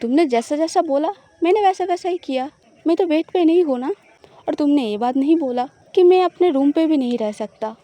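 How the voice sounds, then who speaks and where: A woman voicing a playful, possessive young wife who teases her partner, in a high, mellow voice. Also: lively intonation, brisk. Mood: teasing.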